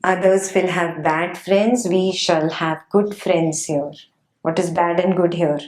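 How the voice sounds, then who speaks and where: A woman teaching a class on Buddhist scripture, explaining gently and often checking in with her students. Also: lowish voice, steady tone, slow, reverberant. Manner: gentle, frequent checking questions, laughs often. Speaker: dharma teacher.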